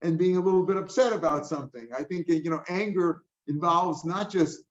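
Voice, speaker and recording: An older man leads a daily Talmud class in a fairly high voice, talking through each passage casually with frequent asides and restarts. The recording is dull and lo-fi, with the top end muffled. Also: brisk. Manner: conversational, explaining with asides and restarts. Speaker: Talmud teacher.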